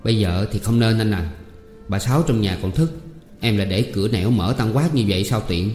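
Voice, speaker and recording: A man with a Southern Vietnamese accent voicing a sharp-tongued young female servant, coaxing one moment and tart the next, in a storybook reading. The reading sounds like it was made in an echoey hall with faint music behind it. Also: on the low side, lively intonation, brisk, lightly acted. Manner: coaxing, then tart and firm.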